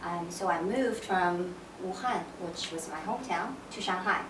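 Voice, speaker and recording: A lower-voiced woman from China who works as a school counselor, giving short, thoughtful answers in an interview. Her voice sits back from the microphone in a roomy space, with steady background noise underneath. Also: moderate pace, far from the mic.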